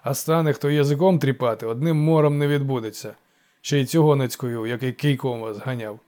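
A man voicing a gruff, goat-legged male forest god who grumbles curt orders. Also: medium pitch, a little fast, darkish tone, lightly acted.

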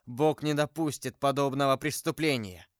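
A man voicing a grave, restrained musketeer who speaks low and hushed. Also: moderate pace, no room sound, studio quality, lightly acted. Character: grave older male musketeer, brooding and restrained.

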